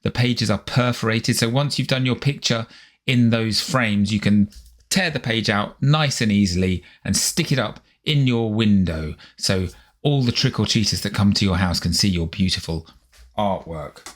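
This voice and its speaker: This children's drawing tutor and author, a middle-aged Brit, talks at a moderate pace in a lowish voice. His lesson is warm and conversational, full of encouragement, and he refers to the kids as guys.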